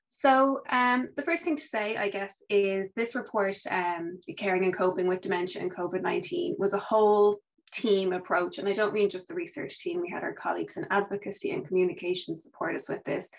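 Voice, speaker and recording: A middle-aged woman giving an online conference presentation, conversational, with ums. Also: medium pitch. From Ireland. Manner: warm conversational presenting with fillers. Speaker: research and policy manager presenting. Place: home office, indoors. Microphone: video call. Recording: muffled video call audio.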